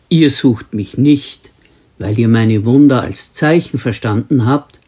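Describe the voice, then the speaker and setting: A man preaching a sermon, reading scripture slowly and stressing single words. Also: medium pitch, dark tone, slightly rough.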